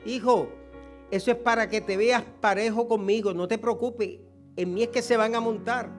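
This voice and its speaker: A pastor voicing a mother donkey who calms and scolds her foal. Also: high voice, moderate pace, faint music behind, lightly acted. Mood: soothing. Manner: soothing, then curtly scolding.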